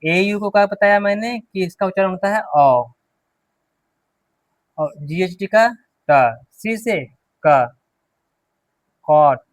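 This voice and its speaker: Male teacher, slightly high voice, dry close sound, drills each word and repeats it. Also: no room sound. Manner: slow, repeats words and asks students to repeat; drills words one by one, quizzing the class. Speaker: English teacher. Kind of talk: classroom pronunciation lesson.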